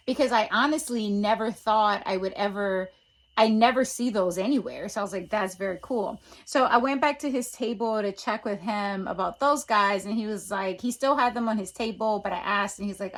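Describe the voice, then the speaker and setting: A woman chatting in a casual vlog, excitable and full of casual slang. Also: mid-range voice. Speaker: reptile keeper vlogger. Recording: noisy background ambience.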